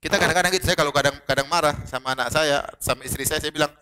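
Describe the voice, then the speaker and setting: High bright-voiced male preacher. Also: very fast, smooth. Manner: lively storytelling, quotes Arabic, jokes with audience. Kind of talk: religious lecture.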